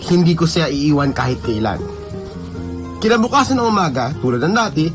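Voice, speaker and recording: A man's voice: a little high, very animated, a little fast. A man narrating a love story in the first person on a radio drama program, with music behind him.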